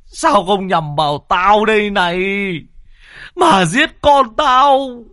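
A man's voice: sits high, animated, slow, sharp tone, no echo, studio quality, pitched above the performer's own voice, exaggerated voice. A man doing a wailing, grief-stricken old father. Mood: raging. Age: older. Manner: wailing, stammering outcries. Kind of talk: dramatic story reading.

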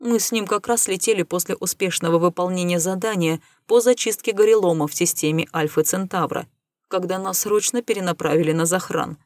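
A scheming space pilot who spins lies with breezy confidence, read by a woman. The voice sits low, and the recording is dry and close, with no room around it. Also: fairly quick, darkish tone, dry recording, natural voice. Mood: smooth, persuasive. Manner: confident, lying with easy enthusiasm. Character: scheming smooth-talking male spacer, glib liar. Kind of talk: audiobook character reading.

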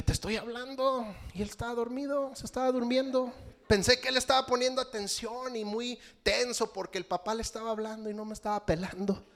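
Mexican pastor, middle-aged man, lively sermon delivery, talks straight to his congregation, voice sits a bit high. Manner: animated, constantly addressing the congregation as brothers.

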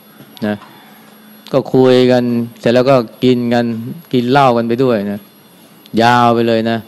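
Calm older monk, smooth voice. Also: male voice, medium pitch. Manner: calm, unhurried, adds a soft "na" at the end of phrases. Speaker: Buddhist monk teaching dharma. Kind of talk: dharma talk.

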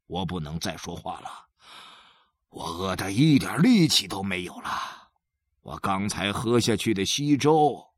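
A man reading aloud as a hungry, gruff working-class father with a coarse, drawling way of talking. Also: deep voice, very animated, unhurried, no room sound, studio quality, voice pushed down, heavily acted. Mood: gruff weary.

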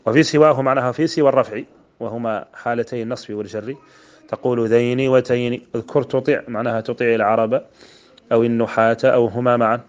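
Fast-talking sheikh explaining grammar, dull lo-fi sound. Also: male voice, medium pitch, fairly even intonation. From Mauritania. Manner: repeats and spells out word forms, chants quoted verses. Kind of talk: explaining a grammar poem line by line. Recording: dull lo-fi recording.

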